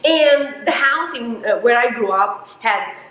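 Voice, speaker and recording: A woman from Romania, giving a motivational talk in an emphatic, expressive storytelling manner. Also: a little high, measured pace, roomy sound, low-quality recording. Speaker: motivational speaker.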